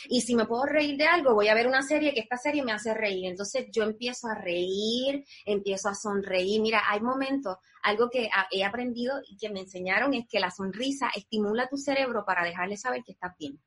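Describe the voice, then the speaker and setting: A woman's voice: on the high side, brisk, few pauses, fairly bright tone, slightly rough. A woman guest in a conversational interview, talking earnestly and reflectively, explaining things step by step.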